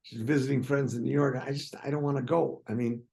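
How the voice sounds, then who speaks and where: A man's voice: medium pitch, steady tone, fast, creaky, dark tone. A man from Wisconsin, a guest on a talk show, chatting casually in a wry, self-deprecating way. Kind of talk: casual chat.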